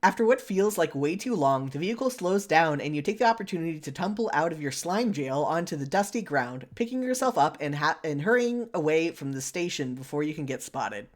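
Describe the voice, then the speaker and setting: A woman's voice: low voice, expressive, a little fast, hardly any pauses. A woman streaming a game with friends over a voice call. She chats casually in a self-deprecating way while her volume rises and falls unevenly as her audio cuts in and out. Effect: uneven volume, audio cutting in and out. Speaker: streamer reading a visual novel aloud. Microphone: desk mic over a voice call.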